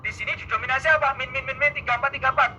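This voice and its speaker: A man's voice: very high voice, steady tone, racing, bright, forceful tone, slight background noise, low-quality recording. A man teaching an exam-prep math lesson, playful and teasing, talking back and forth with his students. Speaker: math tutor.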